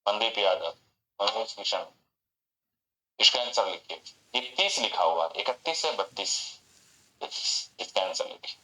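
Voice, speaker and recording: A man's voice: on the low side, expressive, measured pace, long pauses, bright, forceful tone, reverberant, rough recording. A man teaching an online class, running call-and-response memory tricks and repeating each cue. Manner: repetitive, call-and-response mnemonics. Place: home room.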